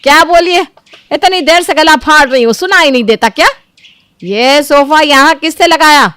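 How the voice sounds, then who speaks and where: A woman voicing a domineering middle-aged mother-in-law in a cartoon story, scolding loudly and giving orders. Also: on the high side, moderate pace, smooth, no room sound, studio quality, voice pushed up, close to an everyday voice. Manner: scolding, loud and commanding.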